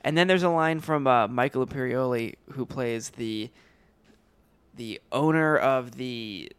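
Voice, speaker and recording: A chatty, upbeat man co-hosts a casual movie podcast. His voice is smooth and clear at a middle pitch. He sits close to a dry mic. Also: a little slow, fairly bright tone, dry recording. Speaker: podcast co-host.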